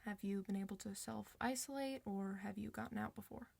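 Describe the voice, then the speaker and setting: In a casual, one-sided ASMR roleplay, a woman plays a kind, comforting doctor who treats werewolves. Her mid-range voice is creaky with a slightly dark tone, and there's no echo. She sounds calm and reassuring, speaking informally with hesitant pauses.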